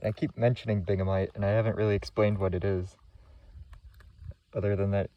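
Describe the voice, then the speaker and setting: Casting: young adult male vlogger, low laid-back voice, casual commentary, dry close sound. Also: flat delivery, a little fast, dry recording, highs cut off. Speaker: rock hunting vlogger. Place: outdoors in a yard and rock field, or inside a parked van. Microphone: phone at arm's length.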